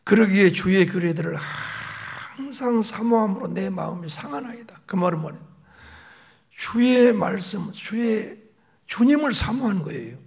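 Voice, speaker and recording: Male pastor, middle-aged, gravelly voice sitting a bit high, preaching with whispered asides. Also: animated, a little slow. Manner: shifts between raised emphatic phrases and soft whispered asides. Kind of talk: sermon.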